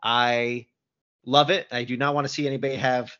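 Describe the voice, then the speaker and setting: A man's voice: medium pitch, flat delivery, moderate pace, a bit bright, muffled recording. A man hosting a casual football debate, thoughtful and hedging as he talks things through.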